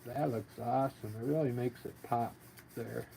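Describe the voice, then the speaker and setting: Man, gentle painting instructor, creaky gravelly voice, casual tutorial talk, background noise. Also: mid-range voice, steady tone, normal speed. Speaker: painting instructor, livestream artist. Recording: noticeable background noise, live stream.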